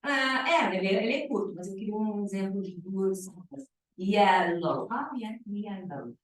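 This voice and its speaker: Woman teaching english, slow patient repeats, roomy echo, kinda far from the cam. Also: mid-range voice, expressive, a little hiss or hum. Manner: explains slowly, repeating example words. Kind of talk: bilingual classroom lesson. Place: classroom. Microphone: camera at a distance. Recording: echoey room, far from the camera.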